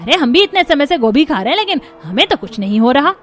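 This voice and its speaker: A woman voicing a scolding, dramatic older mother-in-law who exclaims loudly in a cartoon story. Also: high voice, very animated, quick pace, faint music behind.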